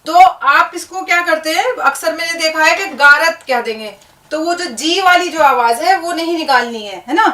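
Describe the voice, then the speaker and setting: A woman with a high voice teaches a language lesson, spelling words out patiently and repeating them for the learner. She keeps checking in with a quick "right?" as she explains. The sound is roomy and echoing, picked up from a mic some distance away. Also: lively intonation, pushed and bright. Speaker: Urdu teacher. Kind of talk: classroom lesson on letters and words.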